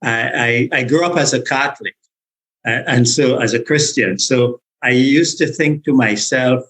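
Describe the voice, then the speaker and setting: A man's voice: medium pitch, a bit bright, poor audio. A man from Trinidad and Tobago, answering interview questions about his background with frequent restarts and small laughs. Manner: hesitant, with restarts and little laughs. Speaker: guest, meditation teacher and health consultant.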